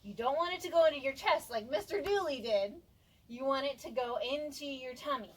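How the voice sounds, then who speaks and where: A woman teacher leading a class through body and voice warm-ups in an upbeat, coaxing way. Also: high voice, animated, fairly quick, a little hiss or hum, rough recording. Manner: upbeat, coaxing, counts aloud with energy. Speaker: music and theater teacher.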